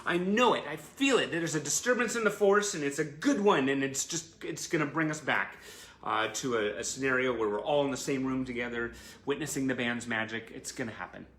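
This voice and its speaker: A man hosts a laid-back livestream for fans from an indoor room, effusive and encouraging as he gushes to them. His voice is mid-pitched and fairly bright, and he talks fairly quickly. The recording has a roomy echo with faint background noise.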